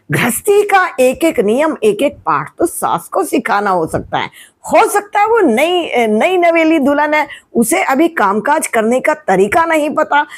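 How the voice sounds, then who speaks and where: A woman in her sixties, a retired teacher, gives patient family advice, asking questions and answering them herself. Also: high-pitched. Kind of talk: explanatory family advice talk.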